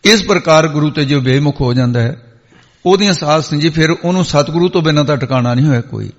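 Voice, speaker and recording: A man delivers a sermon as a flowing story, breaking into sung scripture lines along the way. His voice sits somewhat high for a man. The sound is muffled and trails off in a long hall reverb. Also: fast. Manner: storytelling, sings scripture verses. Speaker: Sikh preacher.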